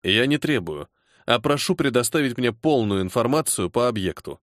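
A disciplined, hot-tempered major in his forties who speaks in clipped, caustic lines with restrained fury, as a man acts him out. His tone is lively and terse. The recording is dry and close. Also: medium pitch, normal speed, dry recording, lightly acted. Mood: restrained anger. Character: angry disciplined male major, forty-two, hot-tempered.

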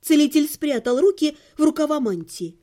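A woman reading a first-person fantasy audiobook with lively, dramatic storytelling. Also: sits high, normal speed. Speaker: audiobook narrator.

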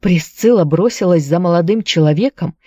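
Female audiobook narrator, low voice, measured delivery, dry sound. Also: warm tone, no echo.

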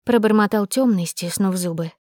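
A woman reading a first-person audiobook with expressive, measured storytelling. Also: medium pitch, dry recording, clean studio sound. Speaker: narrator.

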